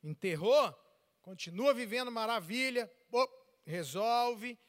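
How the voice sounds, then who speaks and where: Male pastor, very high voice, preaching, long church reverb, storytelling with call and response. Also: animated, slow. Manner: acts out church members' voices while telling stories. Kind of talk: sermon. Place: large church. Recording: long reverb of a large hall.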